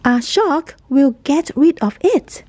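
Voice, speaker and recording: A woman's voice: high voice, expressive, slow pace, mellow, dry recording. A woman voicing a confident young girl giving instructions in a children's storybook reading. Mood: instructing. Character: bossy clever young girl.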